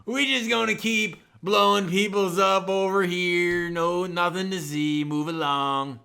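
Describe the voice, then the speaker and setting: A man's voice: high-pitched, fairly even intonation, measured pace, creaky, bright, forceful tone, clear, resonant tone, heavily acted. A man voicing a folksy know-it-all male sidekick who drawls in loose, ungrammatical phrasing in comedic banter. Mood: smug.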